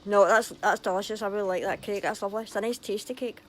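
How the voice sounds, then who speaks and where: A woman's voice: mid-range voice, fairly even intonation, quick pace, slight background noise. A Scottish woman presenting from behind the camera, cheerfully chatting and reading out viewer comments. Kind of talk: casual chat on a cooking livestream. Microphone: phone held by the speaker.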